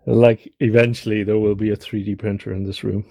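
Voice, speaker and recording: Gravelly-voiced man co-hosting a podcast. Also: fairly low pitch, level tone, a little fast, dark tone, no room sound. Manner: laughs often, chatty and jokey. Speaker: podcast co-host. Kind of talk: casual podcast chat.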